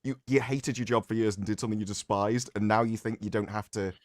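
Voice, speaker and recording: A man on an online panel, arguing in an animated way and mocking others with shouted imitations. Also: lowish voice, fast, no room sound, clean studio sound. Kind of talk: casual panel chat.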